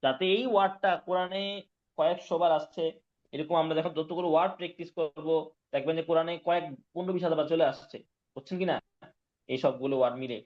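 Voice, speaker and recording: A man teaching Quran reading in an online class, patiently spelling out syllables slowly and repeating each word. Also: on the high side, fairly even intonation, lo-fi sound. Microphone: online class call mic.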